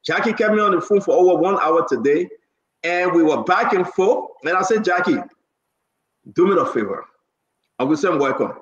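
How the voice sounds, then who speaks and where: A Liberian man in his forties hosts a casual talk show, speaking animatedly and repeating phrases for emphasis. His voice is high-pitched and a bit bright at a moderate pace, recorded in an echoey room with slightly dull sound.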